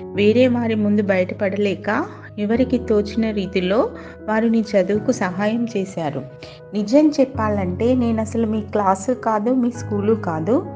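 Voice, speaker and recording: A calm young woman friend who explains things patiently in a storybook audio tale, voiced by a woman narrator. She speaks at a mid pitch with faint music behind. The recording is a little dull. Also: natural voice.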